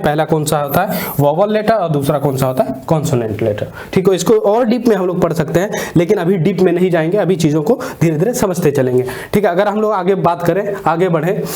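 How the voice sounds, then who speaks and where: A man's voice: high-pitched, a little mellow. A man teaching an English class. He asks the class questions, answers them himself, and repeats key points often. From India. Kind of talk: classroom lecture. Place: classroom, standing.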